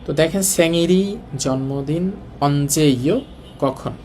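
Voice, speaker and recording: A man's voice: a little high, unhurried, a little mellow, faint music behind. Man teaching Korean in colloquial Bengali. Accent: Bangladeshi Bengali, colloquial Dhaka speech. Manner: explains step by step, asks the class rhetorical questions. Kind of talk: casual classroom explanation.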